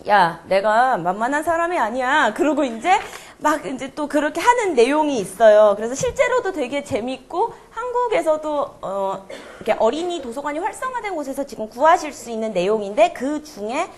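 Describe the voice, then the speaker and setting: A woman's voice: sits high, very animated, fairly quick, darkish tone. A woman presenting at a storytelling workshop, chatting as she explains words and repeating each one for practice. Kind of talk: teaching pronunciation before a storytelling demo. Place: classroom.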